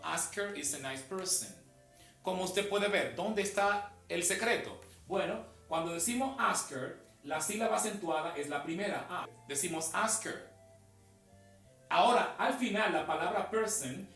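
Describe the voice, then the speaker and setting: A man teaching an English pronunciation lesson, slow and emphatic, repeating words as drills. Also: fairly high pitch, fairly bright tone, reverberant.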